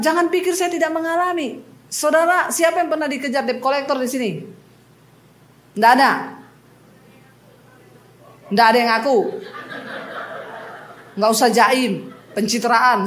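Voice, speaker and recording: Woman pastor with a high voice, preaching at a church service, lively storyteller with a humorous touch. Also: normal speed, long pauses. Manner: lively personal storytelling with humor, addressing the congregation directly. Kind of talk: sermon. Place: church service before a congregation.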